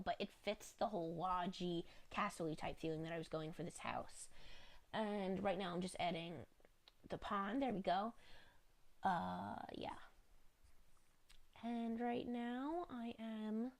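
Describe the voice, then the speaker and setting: In a creaky, mid-range voice, a woman narrates a home-building game video while a bit under the weather, her voice slightly congested. She rambles in a chatty, apologetic way, packed with fillers.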